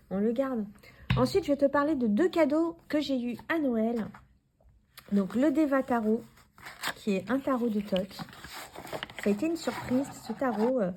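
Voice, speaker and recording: A woman's voice: on the high side, warm tone, slight background noise. A woman in her forties from France, chatting casually to the viewer as she shows her tarot decks, rambling with many fillers and restarts. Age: 40s. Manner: talks to the viewer directly, handling cards. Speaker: tarot YouTuber. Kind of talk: casual deck review vlog.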